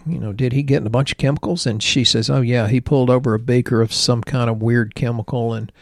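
A man's voice: medium pitch, steady tone, fast talker, gravelly, no room sound, clean studio sound. A man in his sixties co-hosting a health podcast, chatting casually in a rambling way with joking asides. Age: 60s. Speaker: podcast co-host, health practitioner.

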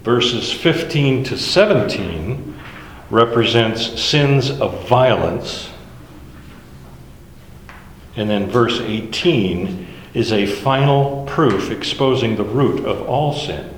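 A man's voice: mid-range voice, lively intonation, takes it slowly, a little hiss or hum. A man leading a Bible study, explaining verses one by one in a conversational way. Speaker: Bible teacher. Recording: echoey hall with faint ambience.

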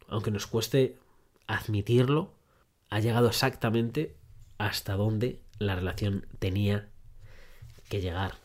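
A man hosting a podcast who gives relationship advice, speaking directly to the listener with repeated phrases for emphasis. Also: fairly low pitch. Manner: direct second-person address, repetitive emphasis. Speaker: podcast host.

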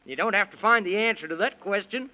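A man's voice: high voice, animated, fast, bright, forceful tone, exaggerated voice. A man playing a fussy, scatterbrained Man in the Moon who gets flustered and repeats himself, in a 1930s children's radio serial. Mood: scolding, chuckling. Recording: dull, muffled 1930s radio recording.

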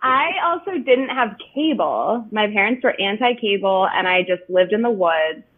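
A woman in her thirties, a podcast guest, talking in an animated, self-deprecating way. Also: mid-range voice, moderate pace. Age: 30s. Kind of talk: casual podcast chat. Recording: tinny phone-like line.

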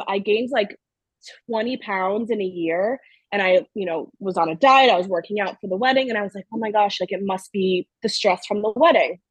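A woman of thirty, a podcast guest, telling her personal story in casual, animated talk full of "like". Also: medium pitch, no room sound, low-quality recording. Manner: animated, fills speech with "like".

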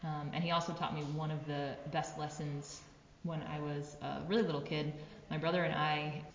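A woman in her thirties, a cave resource manager, chatting quickly and laughing often while sitting in an underground cave, her voice echoing off the rock. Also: sits low, flat delivery, a little hiss or hum. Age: 30s. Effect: cave echo. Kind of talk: casual interview storytelling. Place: large underground cave room. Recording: echoey cave, dull muffled sound.

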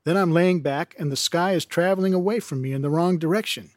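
A man's voice: a little high, a little fast, no echo, studio quality, lightly acted. A man reading as a rambling backwoods yarn-spinner. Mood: uneasy yarn. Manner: folksy broken grammar, yarn-spinning. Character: rough-spoken backwoods man, superstitious, rambling. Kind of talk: reading fiction aloud.

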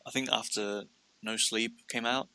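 A man's voice: on the low side, steady tone, measured pace, pushed and bright, no room sound. A man co-hosting a podcast in a casual, chatty style. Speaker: podcast co-host. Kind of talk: casual chat.

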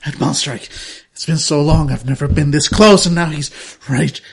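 A man's voice: a little high, moderate pace, gravelly, husky. A man voicing a scheming dwarf who puts on vengeful rage in an improvised tabletop game. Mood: seething, feigned rage. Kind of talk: improvised tabletop role-play.

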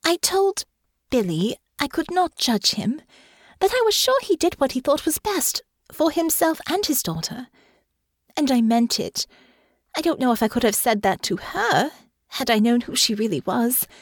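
A woman performs a full character voice pitched above her natural register, playing an earnest, well-spoken young woman who phrases things formally and politely and shows her feelings openly. Her voice is high with big pitch swings at a normal speed, and the studio recording is clean with no room sound. The mood is earnest and rueful.

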